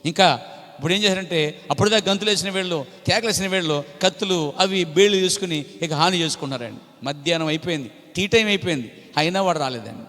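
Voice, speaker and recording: High-voiced preacher in an echoing hall. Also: male voice, fast talker, fairly bright tone. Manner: preaching with emphatic repetition and praise interjections. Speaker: pastor. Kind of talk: sermon. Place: church hall. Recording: long hall reverb.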